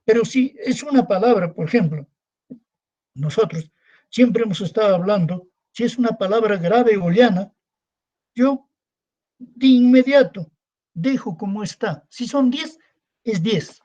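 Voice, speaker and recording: A man's voice: high voice, lively intonation, unhurried, long pauses, darkish tone. Male teacher, rhetorical questions, dull audio. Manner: repetitive, asks rhetorical questions and answers them. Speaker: secondary school teacher. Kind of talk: recorded online class lecture.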